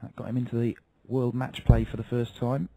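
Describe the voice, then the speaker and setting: A man's voice: medium pitch, flat delivery, brisk, creaky, warm tone. A man calling a darts match as lead live commentator.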